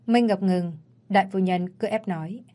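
A woman's voice: mid-range voice, moderate pace. Woman narrating a story. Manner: steady storytelling. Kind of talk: scripted audio story narration.

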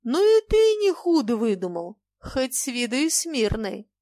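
A defiant young woman, put on by a woman narrating a novel, talks with brash scorn. The voice rides high and bright. The sound is dry and close. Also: very animated, measured pace, no echo.

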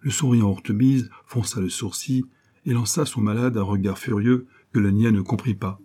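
A man reads a classic novel aloud in a measured, even way. His voice is fairly low, and the tone is mellow and soft-edged. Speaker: audiobook reader. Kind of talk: scripted narration.

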